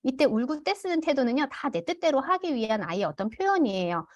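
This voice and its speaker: A woman teaching an online parenting class, calmly explaining and acting out what parents can say to children. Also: high-pitched, fairly quick, no echo. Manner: demonstrates parent phrases aloud. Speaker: parenting educator. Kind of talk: online parent education lecture.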